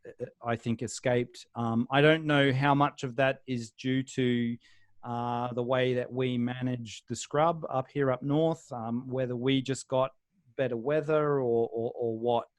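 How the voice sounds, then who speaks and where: Relaxed and rambling, an Australian man speaks as a guest in a video call interview, pausing often and restarting his sentences. His voice is mid-range, and the audio has no echo.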